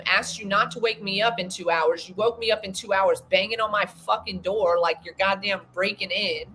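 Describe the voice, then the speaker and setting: A woman's voice: mid-range voice, fairly bright tone, slight background noise, low-quality recording. Indignant, foul-mouthed woman in her forties. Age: 40s. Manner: profane, indignant storytelling. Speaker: podcast co-host. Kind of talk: casual chat.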